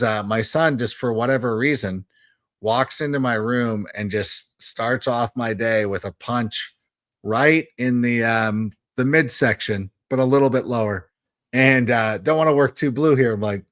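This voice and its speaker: A middle-aged man co-hosting a livestream, telling parenting stories in a casual, animated way. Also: mid-range voice, moderate pace, dry recording, clean studio sound. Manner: animated storyteller, jumps into voices when quoting. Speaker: livestream co-host. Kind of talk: casual chat.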